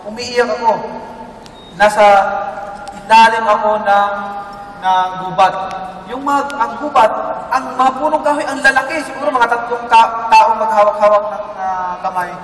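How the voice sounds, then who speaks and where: A man giving an earnest, halting personal testimony to a group. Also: sits high, fairly even intonation, fairly bright tone, slight background noise. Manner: earnest, halting, with many restarts. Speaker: testimony speaker. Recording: echoey room, mic far off.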